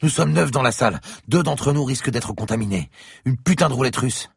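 A man voicing a hot-headed male police lieutenant in an audiobook reading, blurting outraged exclamations in a husky voice. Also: medium pitch, lively intonation, brisk, dry recording, clean studio sound, voice pushed up, full character voice.

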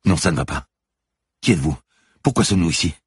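A man's voice: a bass voice, fast, slightly rough, no echo, clean studio sound, pitched above the performer's own voice, full character voice. A man voicing a terrified young woman mathematician who asks frantic questions. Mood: frightened.

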